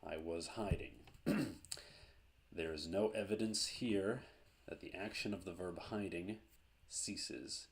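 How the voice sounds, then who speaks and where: A man teaching a language lesson, explaining grammar step by step in a slow, methodical way. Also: deep voice.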